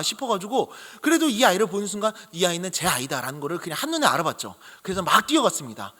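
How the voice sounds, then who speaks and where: A young man preaching a sermon, telling a personal story with rising urgency and soft, tender drops. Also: high-pitched. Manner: emotional storytelling, voice swelling in urgency and dropping soft. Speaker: pastor. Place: church sanctuary. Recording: long church reverb.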